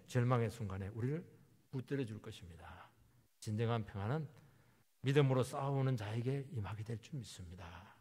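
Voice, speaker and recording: A man preaching a sermon as a pastor, who acts out quoted lines with lively emphasis. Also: mid-range voice, breathy edge. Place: church sanctuary. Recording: reverberant church hall.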